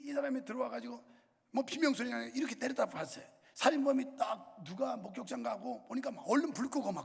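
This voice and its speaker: A man's voice: sits high, gravelly, breathy edge. A pastor in his sixties preaching a sermon in a church, telling stories in a casual, colloquial way with scolding outbursts. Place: church sanctuary. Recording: long church reverb.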